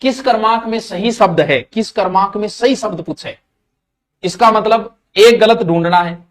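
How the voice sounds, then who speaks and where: A man's voice: sits high, moderate pace. A man with a Rajasthani accent teaching Hindi grammar in a live online exam-prep class, chatting with students directly and slipping into local dialect.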